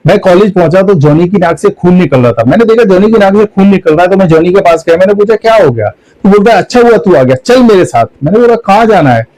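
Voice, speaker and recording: A young man performing stand-up comedy, telling animated stories with acted dialogue and sudden shouts. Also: sits high, fast, hardly any pauses, no echo, low-quality recording. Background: audience laughter.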